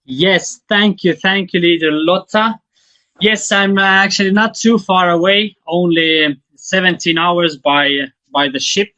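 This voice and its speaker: A man from Estonia, not an English speaker, giving an enthusiastic, halting business presentation to an online audience. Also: pushed and bright, no echo, highs cut off. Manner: halting, enthusiastic sales pitch with fillers.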